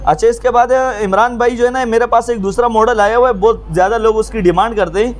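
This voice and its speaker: A man in his thirties with a Pakistani accent speaks in a notably high voice. He pitches like an eager phone shop salesman talking to camera, repeating key selling points in practised patter. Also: fairly even intonation, fast. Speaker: mobile phone shop seller. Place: small open-fronted mobile phone shop stall.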